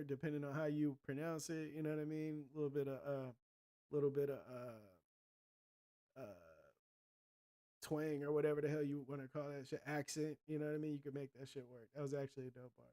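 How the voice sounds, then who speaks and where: A man hosting a casual livestream, handing out blunt, profanity-laced advice in a preachy tone. His voice sits a little high for a man, but the timbre is dark and mellow. He talks straight to his viewers like a friend lecturing them. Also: level tone, moderate pace. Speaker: livestream host.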